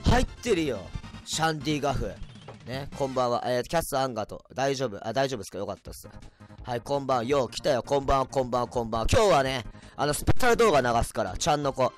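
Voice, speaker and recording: A man chatting on a casual home livestream, a bit tipsy, reading comments with a rambling, erratic manner and sudden loud outbursts. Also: mid-range voice, lively intonation, quick pace, faint music behind. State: tipsy from drinks. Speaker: livestreamer, band vocalist. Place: at home, indoors. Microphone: cheap desk mic.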